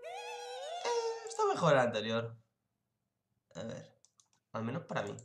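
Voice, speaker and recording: A man giving casual reaction commentary, swearing, mocking and breaking into shouts. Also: high-pitched, huge pitch swings, slow pace, reverberant, a little hiss or hum. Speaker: video reactor.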